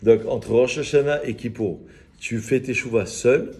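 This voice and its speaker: A man, a rabbi giving an informal, lively Torah lesson and joking with his small group of listeners. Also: mid-range voice, a little slow. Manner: lively, teasing, chats with listeners. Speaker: rabbi teaching a class.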